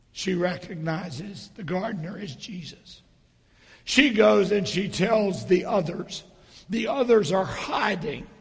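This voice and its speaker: A middle-aged or older man giving a sermon in a hoarse stage whisper, his voice almost gone, speaking deliberately with pauses between phrases. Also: sits high. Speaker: preacher. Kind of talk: sermon with storytelling and dry humour. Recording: reverberant hall.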